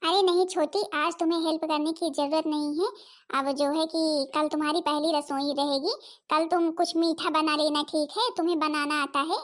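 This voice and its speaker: A woman's voice: high-pitched, little pitch movement, moderate pace, lightly acted. A woman voicing a hardworking, put-upon elder daughter-in-law in a cartoon, pleading and defensive. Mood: calm.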